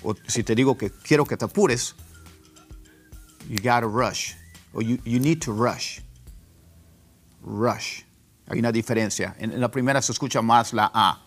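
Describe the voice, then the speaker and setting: A man whose first language is Spanish, teaching English pronunciation and repeating word pairs slowly to contrast them, with faint music underneath. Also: mid-range voice. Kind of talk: casual pronunciation lesson.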